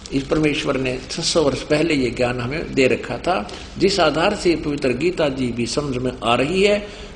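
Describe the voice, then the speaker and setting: A man preaching a sermon, citing scripture chapter and verse and reciting Sanskrit verses. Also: mid-range voice. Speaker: spiritual preacher. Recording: long hall reverb, faint noise.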